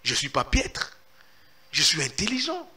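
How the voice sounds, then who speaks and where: A Congolese-accented man answers in an interview, speaking emphatically and repeating himself as he insists on his point. His voice sits a little high and swings widely in pitch. The tone is bright and forceful. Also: huge pitch swings, moderate pace. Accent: Congolese French. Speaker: journalist, interviewee. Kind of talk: animated interview answers, mixing in Lingala.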